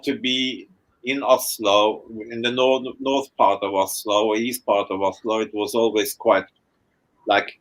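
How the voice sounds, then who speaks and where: A man's voice: lowish voice, fairly bright tone, rough recording. A man from Norway chatting casually on a group video call, easygoing and drawn out, with plenty of fillers and casual swearing.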